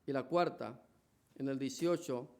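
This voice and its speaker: A man's voice: medium pitch, a little slow, darkish tone. A man with a Mexican Spanish accent preaching a sermon in a church, conversational, with many restarts and rhetorical questions. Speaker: pastor.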